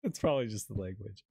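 Young adult streamer, casual gaming chat, rambling, unhurried, animated pitch. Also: no echo. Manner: rambling, many fillers and restarts. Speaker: streamer playing a horror game.

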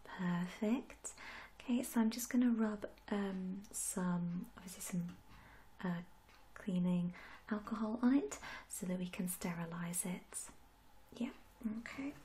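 A young adult woman does a soft-spoken ASMR roleplay as a tattoo artist, gentle, unhurried, and politely reassuring. Her mid-range voice is breathy and often whispery, and background noise and hiss are audible.

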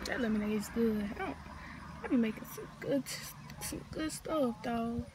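This is a casual, wandering vlog from a teenage girl from North Carolina, recorded on a phone camera as she sits outside. She speaks fairly quickly at a fairly high, steady pitch, mixing in slang and tangents, and the recording is very noisy.

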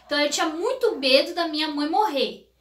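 A woman's voice: sits high, animated, brisk, slight background noise. A young Brazilian woman hosting a family vlog, talking casually and animatedly straight to her viewers. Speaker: vlog host, the daughter. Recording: echoey home room.

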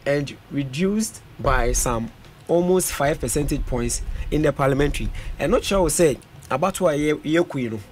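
In a radio studio, a young Ghanaian parliamentary aspirant switches between Twi and English and rattles off vote figures into a studio mic on a boom. He sounds animated, with a somewhat high voice and a moderate pace. A little hiss or hum can be heard.

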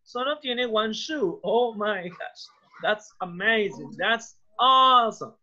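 A man with a high, bright, forceful voice and lively intonation teaches English to children over a video call, taking it slowly. A native Spanish speaker, he mixes English and Spanish, encouraging the kids, repeating each phrase, then translating it. The audio is dull, lo-fi call sound.

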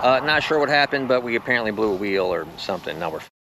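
A man's voice: medium pitch, expressive, fast talker, bright, forceful tone, slight background noise. A man in his fifties hosting a hot rod vlog, talking in a dry, self-deprecating way while he works in his garage and on the roadside. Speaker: hot rod builder and channel host. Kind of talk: casual workshop vlog narration.

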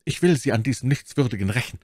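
An eager young swordsman declaring his devotion, ardent and a touch raised in pitch, as a male reader plays him. His delivery is lively and declamatory. Dry, close sound. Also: quick pace, no room sound, close to an everyday voice. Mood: bold. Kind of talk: audiobook character voice.

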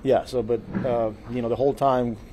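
A man in his forties, a baseball manager at a postgame press conference, speaking in a measured, halting way at a table mic in a small press room. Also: medium pitch, flat delivery, dark tone, slight background noise, poor audio. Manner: measured, halting, repeats words and fillers. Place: small press room before a sponsor backdrop. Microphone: table mic in front of him.

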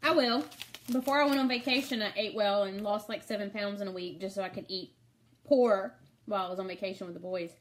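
A woman's voice: medium pitch, fairly even intonation, brisk. A middle-aged woman hosting a casual snack-tasting video, chatting and laughing often. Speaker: vlog host.

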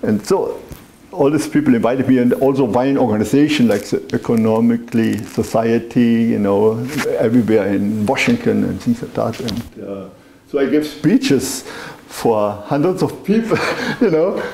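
A man's voice: medium pitch, moderate pace, gravelly, dark tone. A man in his seventies from Germany with a strong German accent, reminiscing in a rambling, conversational interview and often saying "you know". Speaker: interviewee, wine merchant. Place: indoors, small wine bar. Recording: echoey room with faint background noise.

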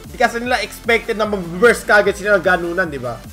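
High bright-voiced Filipino esports caster. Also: male voice, lively intonation, a little fast, soft background music. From Philippines. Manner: bursts into shouting at big plays, mixes Tagalog and English. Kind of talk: excited play-by-play commentary.

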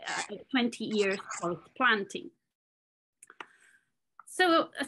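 A woman's voice: medium pitch, fairly bright tone. Woman giving a research talk. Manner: measured, explanatory, with fillers. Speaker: scientist presenting research. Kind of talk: academic presentation.

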